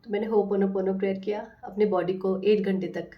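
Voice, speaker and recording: A woman healing coach talking casually to viewers in a soft, affectionate and earnest way. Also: medium pitch, fairly even intonation, moderate pace, far from the mic, muffled recording. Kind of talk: casual motivational talk to viewers.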